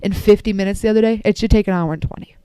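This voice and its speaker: A young adult college radio co-host telling a story in rapid, animated casual chat. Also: medium pitch, clean tone.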